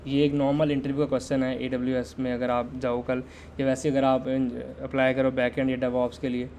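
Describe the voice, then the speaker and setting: A man's voice: medium pitch, completely flat delivery, fairly quick, darkish tone, a little hiss or hum. A man teaching a live-streamed system design lesson in a conversational way, quizzing viewers and waiting for answers in the chat. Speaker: tech instructor.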